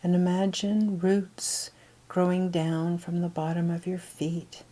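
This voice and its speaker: In this clip, a woman leads a meditation with slow, gentle counting and unhurried pauses. Her tone is lowish, relaxed, and breathy, and she takes her instructions at an extremely leisurely pace.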